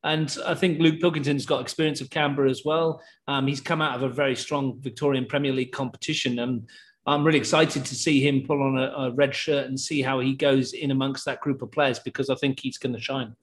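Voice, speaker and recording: A man giving his read on a football team in a relaxed podcast conversation. He talks in a measured, analytical way at an ordinary pitch. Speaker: football pundit. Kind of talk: casual podcast chat.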